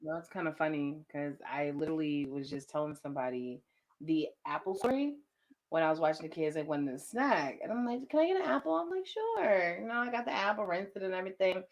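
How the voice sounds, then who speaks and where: A woman in a casual chat, telling stories in a lively way and laughing along. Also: sits low, fast talker.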